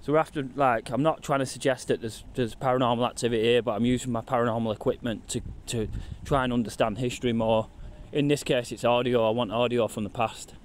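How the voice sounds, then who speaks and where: A man's voice: medium pitch, steady tone, fast talker, few pauses, a little hiss or hum. A man, talking casually and rambling as he walks a countryside footpath filming on his phone. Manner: rambling, matter-of-fact, swears casually. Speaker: paranormal explorer vlogger. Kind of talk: casual walking vlog commentary. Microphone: phone held at arm's length.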